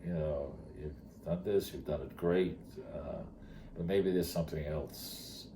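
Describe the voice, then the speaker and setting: An older man, a retired teacher, tells a personal story in a conversational way, using plain, short, emphatic phrases. His voice is rumbling and low with a dark tone, and he speaks at a measured pace. The recording has clearly noisy background sound.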